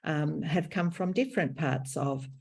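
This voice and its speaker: An Australian woman, a teacher educator, giving a measured, slightly formal conference presentation over a video call. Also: deep voice, creaky, a little mellow, slightly rough.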